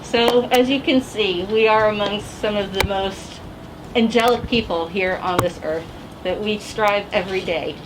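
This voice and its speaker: A woman's voice: medium pitch, measured pace. Earnest woman giving an award speech outside, noisy recording. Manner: earnest, heartfelt. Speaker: award recipient. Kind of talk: emotional acceptance speech.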